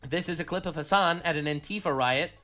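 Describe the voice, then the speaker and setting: A man delivers a sarcastic, combative political monologue in a played clip. His voice is bright and forward and sits a little high. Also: fast talker.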